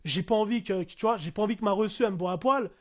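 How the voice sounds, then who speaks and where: Guy from france with a really high voice, telling a crazy story all slangy and animated. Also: racing. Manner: animated, acts out shouting cops and slangy street French. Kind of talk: casual comic anecdote.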